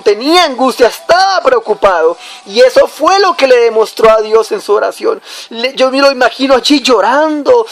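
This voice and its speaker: A young adult man preaching a devotional teaching on prayer, addressing the listener directly point by point. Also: extremely high pitch.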